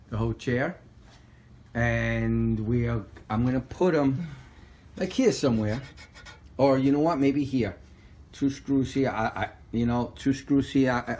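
A man's voice: mid-range voice, a little mellow, a little hiss or hum, poor audio. A man filming a casual home video, explaining step by step with many fillers as he works on a project. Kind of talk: casual unboxing and DIY talk. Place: living room at home. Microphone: handheld phone camera.

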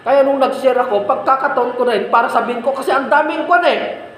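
A man's voice: very high voice, brisk, fairly bright tone, roomy sound, a little hiss or hum, poor audio. A man preaching a sermon as a pastor, repeating phrases and asking rhetorical questions.

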